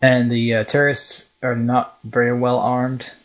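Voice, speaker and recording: A man leading a squad in a military game, giving an informal, halting mission briefing. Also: mid-range voice, monotone.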